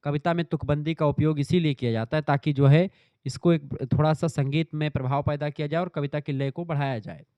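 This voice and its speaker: A man's voice: fairly high pitch, fairly even intonation, smooth, dry recording. Male teacher, dry lo-fi sound. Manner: reads questions slowly, then explains in quick Hindi; repetitive, addresses students directly. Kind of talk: exam-prep lecture.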